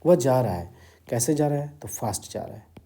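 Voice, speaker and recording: A man's voice: mid-range voice, expressive, dark tone. Indian man teaching English grammar. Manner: explains word meanings slowly, switching between Hindi and English. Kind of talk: grammar lesson lecture.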